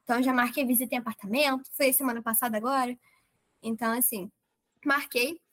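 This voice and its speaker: Young brazilian woman, high voice, chatty and animated, acts out what everyone said. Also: fairly quick. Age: young adult. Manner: animated, quotes herself and others in lively voices. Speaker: approved medical student guest. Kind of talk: casual interview storytelling.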